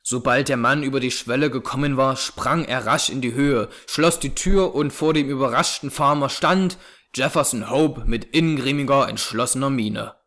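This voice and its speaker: A man's voice: medium pitch, a bit bright. Man narrating a suspenseful tale. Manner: measured, suspenseful storytelling. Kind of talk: audiobook reading of a classic novel.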